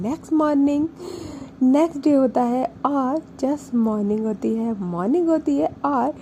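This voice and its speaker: Woman storyteller, casual narration, high mellow voice. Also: slight background noise.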